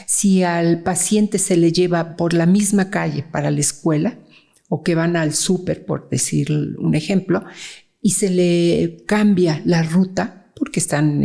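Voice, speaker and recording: A woman child psychiatrist talks through cases in a conversational interview, mixing in anecdotes, filler words and frequent "¿sí?" checks. Her voice sits on the low side and sounds steady, creaky and mellow, and she takes her time.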